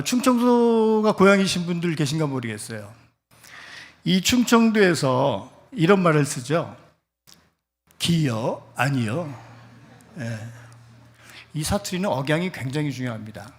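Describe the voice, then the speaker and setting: A middle-aged man preaching a Sunday church sermon, his voice sitting a touch higher than most men's. He moves between reading scripture aloud with the congregation and chatting with them, asking questions and waiting for answers. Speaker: pastor. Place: church service.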